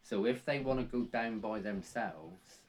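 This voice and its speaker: An older Cornish man in his sixties with a deep, low voice. He talks casually, as an interviewee does, in a halting way that circles back and repeats phrases. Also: darkish tone. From Cornwall, England. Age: 60s. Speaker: interviewee, volunteer woodland ranger.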